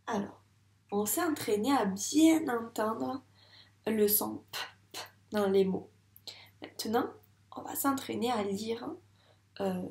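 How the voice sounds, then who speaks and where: A primary school teacher with a French accent patiently teaches young children to read, carefully sounding out syllables. Her mid-range voice has vocal fry and is slightly mellow, with a roomy sound to the slow, clear teaching video.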